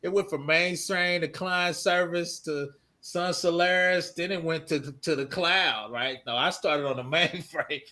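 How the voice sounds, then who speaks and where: A man's voice: on the high side, a little slow, sharp tone. A man in his fifties hosting a casual tech chat, laughing often as he talks. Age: 50s. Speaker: host.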